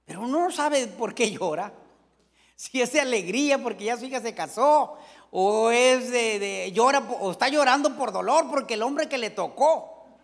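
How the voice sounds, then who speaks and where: A middle-aged preacher with a strikingly high voice for a man delivers a folksy, joking sermon and keeps turning to his congregation. His words ring out with a long reverb through a church hall. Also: animated, moderate pace, creaky.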